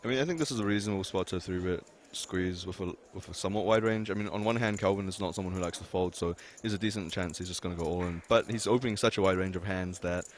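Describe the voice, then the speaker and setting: A man's voice: low-pitched, fast talker, hardly any pauses. A man giving expert poker commentary, hedging his points with lots of fillers and restarts. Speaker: poker analyst.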